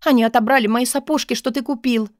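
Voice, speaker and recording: An impulsive young witch girl pleads and exclaims in a high, eager voice, as a woman narrator puts her on. Her lines come out loud and breathless with hope. The recording is close and dry, like an audiobook. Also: steady tone, fast talker, no echo, lightly acted. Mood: eager pleading. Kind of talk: audiobook character voice.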